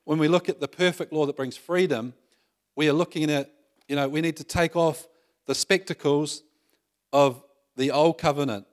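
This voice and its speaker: A man's voice: on the high side, normal speed. A middle-aged male pastor giving a conversational sermon, full of rhetorical tag questions and self-deprecating humor.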